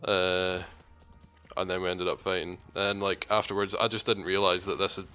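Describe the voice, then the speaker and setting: A man's voice: low voice, flat delivery, moderate pace, bright, forceful tone, smooth, soft background music. A Scottish man chatting casually over a game, teasing his friend in a dry, sweary way. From Scotland. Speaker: gaming channel co-host. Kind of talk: casual gaming chat.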